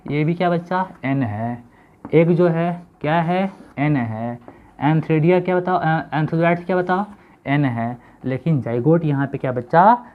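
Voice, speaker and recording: A man teaching biology to students, asking questions and repeating key terms slowly for them to remember. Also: on the high side. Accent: Hindi-English code-switching. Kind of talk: classroom lecture. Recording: tinny phone-like lo-fi audio.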